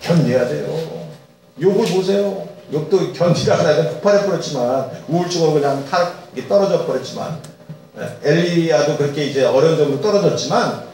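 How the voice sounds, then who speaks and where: Animated pastor preaching. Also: male voice, fairly high pitch. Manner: animated, rhetorical questions, acts out voices. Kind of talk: sermon. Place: church sanctuary. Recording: echoey church hall, distant mic.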